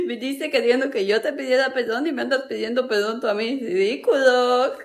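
Sassy high-voiced young woman. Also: steady tone, a little fast. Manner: sassy, playful delivery. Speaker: comedy sketch creator. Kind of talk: acted comedy skits.

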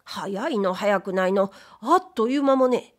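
A woman's voice: mid-range voice, expressive, normal speed, close to an everyday voice. Woman doing a meek male ghost, former scrap-paper man, polite old Edo talk, plaintive, audiobook. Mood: aggrieved. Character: humble timid male ghost, former wastepaper dealer. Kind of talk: audiobook reading of period fiction.

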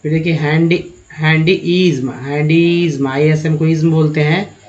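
A man teaching English reading, sounding out word after word slowly and drawing each one out. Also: fairly high pitch, monotone, a little mellow, lo-fi sound. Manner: slow, drawn-out spelling of each word.

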